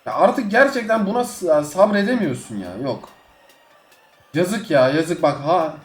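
A young man giving live gameplay commentary, exasperated and swinging between loud outbursts and low grumbling. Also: lively intonation, measured pace. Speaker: gaming streamer. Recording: echoey room with game music behind.

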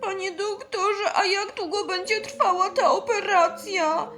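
A woman's voice: very high voice, fairly even intonation, unhurried, bright, forceful tone, soft background music, full character voice. A woman doing a fretful, anxious mother. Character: worried, impatient mother of a sick girl.

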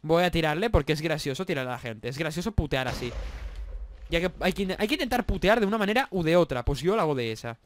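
Lively, high-voiced young Spanish gamer. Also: male voice, quick pace. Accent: Spanish from Spain. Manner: rowdy, swearing, mock-apologetic. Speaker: gaming YouTuber. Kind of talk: gameplay commentary.

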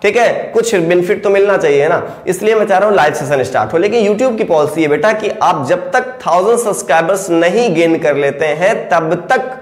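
A man's voice: high-pitched, roomy sound. A man with an Indian accent teaching English vocabulary in Hindi, spelling each word out letter by letter and calling his students "beta". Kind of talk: classroom-style vocabulary lesson.

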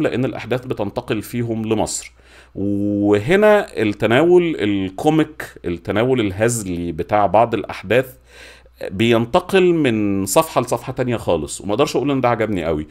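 Sitting at a desk mic fitted with a pop filter in a small home studio, this Egyptian-accented man in his forties reviews films and series for YouTube. His mid-range voice is a little mellow, and his unscripted talk is informal and emphatic, with words repeated for stress.

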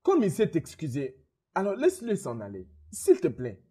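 A man dubbing a friend who calms and mediates a quarrel between two men, in a French film dub. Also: on the high side, normal speed, breathy edge, full character voice. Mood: soothing. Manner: soothing, mediating. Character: friend trying to calm a fight.

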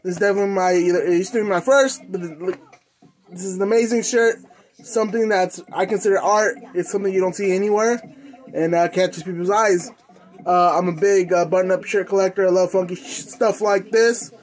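A young American man hosting a casual unboxing vlog, talking in a halting, informal, slangy way. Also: high-pitched, steady tone. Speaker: host of a clothing collecting channel. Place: indoors in a room at home.

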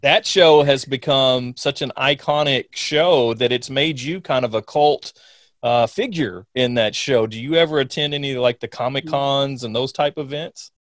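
A man's voice: mid-range voice, moderate pace, a bit bright, dry recording. Male podcast host, casual interviewer, dry close sound. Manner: asks questions, reads lists of credits.

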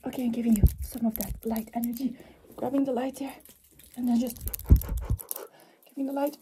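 A young woman doing fast, aggressive ASMR ASMR role-play, mostly soft-spoken with bursts of soft voice and repeating short words rapidly. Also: fairly high pitch, steady tone. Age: young adult. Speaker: ASMR performer. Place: small indoor room with acoustic foam panels. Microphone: held or very close microphone. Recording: close noisy mic with handling clicks.

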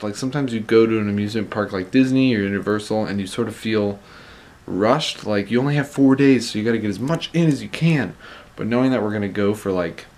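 A man's voice: medium pitch, darkish tone. A young man talking in a casual, conversational vlog style, leaning on words for emphasis, recorded at arm's length in a room at home. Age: young adult. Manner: conversational, emphatic repetition for stress. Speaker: vlogger. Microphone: camera at arm's length.

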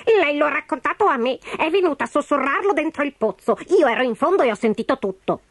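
A woman voicing a small, bold green frog in a children's story, with a croaking, abrupt delivery. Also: sits high, expressive, fast, dry recording, pitched above the performer's own voice. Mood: insistent. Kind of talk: storybook reading.

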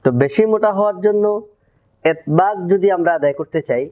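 A man leads a Quran pronunciation lesson, breaking down each sound and repeating the syllables in slow drills. His voice sits a little high. The recording is dull and lo-fi. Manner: explains step by step, drills letter sounds slowly. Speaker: Quran recitation teacher.

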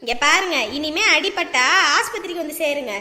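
An exasperated woman doctor, played by a woman lectures and scolds in a stern, tired way. Her voice is high and bright, and it echoes through the room with a long reverb. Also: brisk. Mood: exasperated scolding.

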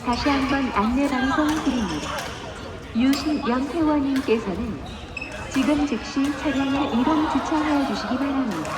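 A woman making a polite, measured parking announcement over a PA loudspeaker, repeating each notice. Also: high voice, animated, roomy sound, heavy background noise. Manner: polite, measured, repetitive phrasing. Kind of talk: formal public announcement.

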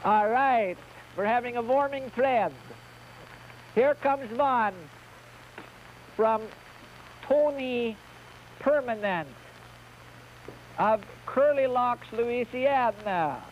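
A man playing a bumbling, boastful Swedish answer man with a mock Swedish accent and broken grammar, delivering jokes slowly on an old TV show. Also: very high voice, slight background noise, full character voice. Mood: deadpan. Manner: slow, deliberate joke delivery with broken grammar. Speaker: children's TV entertainer. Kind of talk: comic question-and-answer routine. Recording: dull old TV recording with music.

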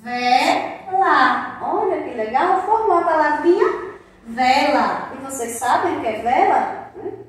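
A Brazilian woman teaching a recorded lesson to small children, speaking in a sing-song, drawn-out way with affectionate diminutives and frequent tag questions. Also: sits high, lively intonation. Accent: Brazilian Portuguese. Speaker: preschool teacher. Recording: distant mic in a very echoey room.

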